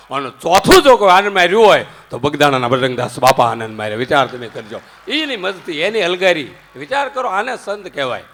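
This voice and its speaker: Jokey Gujarati male storyteller, fairly high voice, long hall reverb. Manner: jokey, anecdotal, animated swings into loud punchlines. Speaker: religious storyteller. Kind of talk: humorous religious discourse.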